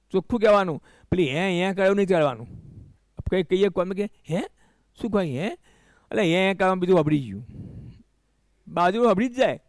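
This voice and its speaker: A man with a Gujarati accent teaching a school English lesson, often checking with his students and reading the English text slowly. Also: high voice, darkish tone, dry recording. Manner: repeats questions to students, frequent "barabar?" checks; reads English lines slowly and deliberately. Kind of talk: classroom-style lesson explaining an English text.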